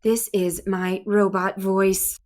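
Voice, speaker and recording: A woman putting on a slow, mechanical robot voice during a casual livestream chat. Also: mid-range voice, little pitch movement, a little mellow, lightly acted. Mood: deadpan mechanical. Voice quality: metallic robotic delivery.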